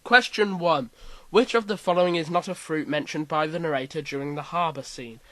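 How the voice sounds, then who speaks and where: A man hosting a casual quiz chat, reading out questions with lively emphasis. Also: fairly high pitch, a little fast, no room sound. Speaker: quiz host.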